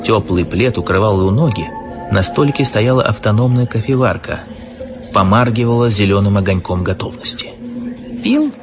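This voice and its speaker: A man's voice: on the low side, a little fast, dull audio. Male audiobook narrator over music. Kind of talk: scripted narration.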